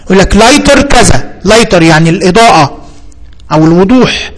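In a tutorial on screen-reader software, an Egyptian-accented computer instructor explains every term by thinking aloud and repeating himself. He talks fast in an animated voice that sits high, captured on a low-quality recording.

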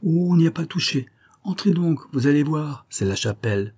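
A man's voice: a little high, expressive, normal speed, darkish tone, slightly rough, voice pushed up. A man doing a chatty, good-hearted fellow. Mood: cheerful. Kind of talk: audiobook character voice.

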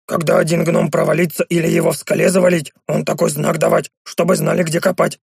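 Man doing a gravelly fussy dwarf. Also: a little high, little pitch movement, quick pace, darkish tone, no room sound, studio quality, exaggerated voice. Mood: explaining. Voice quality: gravelly, broken grammar. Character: fussy male dwarf speaking broken speech.

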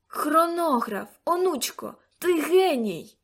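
An excitable old grandfather, a time-travel scientist, voiced by a woman in an audiobook. He bursts into loud, delighted cries when an idea strikes. His voice sits somewhat high. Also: normal speed, lightly acted. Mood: excited. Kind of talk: audiobook character reading.

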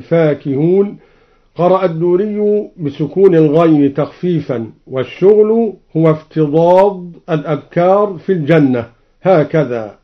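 Guy explaining quran readings real slow then chanting them, kinda high voice, muffled old radio sound. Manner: slow, measured explanation alternating with melodic recitation. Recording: dull old radio broadcast.

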